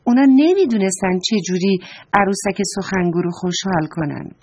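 A woman telling a children's story, speaking directly to the children in an expressive way. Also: medium pitch.

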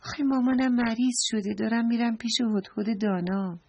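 A woman voicing a worried little squirrel child in a children's story, soft and slightly breathy. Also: fairly high pitch. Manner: anxious, hurried.

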